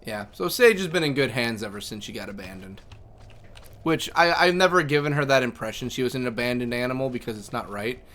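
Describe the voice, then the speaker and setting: A man's voice: medium pitch, lively intonation, a little fast, a bit bright. A man streaming a game, chatting casually and telling stories about his pets between game moves. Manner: chatty, storytelling, reads chat aloud. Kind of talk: casual livestream chat.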